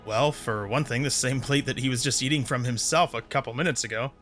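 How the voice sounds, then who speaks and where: A man's voice: medium pitch, a little fast, a bit bright. A man giving casual, sarcastic commentary while playing a video game. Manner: sarcastic, chatty. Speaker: gameplay commentator. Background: faint game music.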